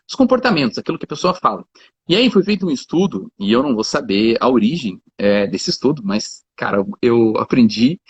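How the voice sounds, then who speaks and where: A man's voice: fairly high pitch, slightly rough, dry recording. A man, a lawyer talking in a casual conversation, explaining his points with everyday examples and lots of fillers. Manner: talkative, explains with examples, fillers like 'cara' and 'né'. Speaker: lawyer, guest. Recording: dull lo-fi sound.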